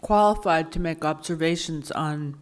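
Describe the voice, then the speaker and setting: Low-voiced woman at a town board meeting. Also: moderate pace. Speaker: selectboard member.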